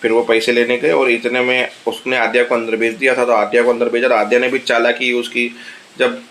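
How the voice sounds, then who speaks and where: A man giving a casual, animated recap of a TV serial episode, retelling the characters' lines. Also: mid-range voice, a little fast, a little hiss or hum. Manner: animated retelling of dialogue with laughter.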